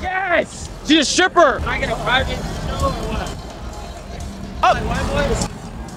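Young man, street interviewer, very high voice, teasing, joking, handheld mic, outdoors at night, music behind. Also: lively intonation, slow pace, a loud crowd. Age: young adult. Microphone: handheld microphone.

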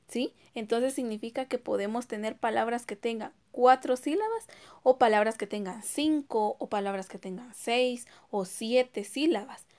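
A slow-paced woman teacher speaks in a fairly high voice. She breaks words into syllables one at a time and asks her pupils questions as she goes. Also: darkish tone. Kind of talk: recorded online class.

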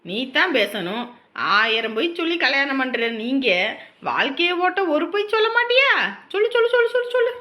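A woman playing a friend who scolds and mocks a boastful groom, in a sharp teasing way. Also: sits high, big pitch swings, normal speed, lo-fi sound. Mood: mocking. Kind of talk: web drama acting.

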